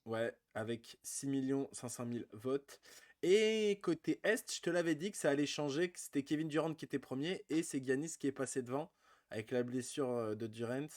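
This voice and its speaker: A man co-hosting a live basketball chat show, relaxed and full of fillers as he runs through rankings. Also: medium pitch, moderate pace. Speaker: podcast co-host.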